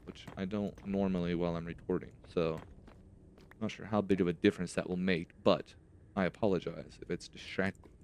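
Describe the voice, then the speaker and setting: The host of a gaming series speaks fairly quickly in a low, steady, slightly mellow voice, with a little hiss or hum in the audio. He chats and rambles to himself through a casual let's-play, lisping slightly because of his retainers.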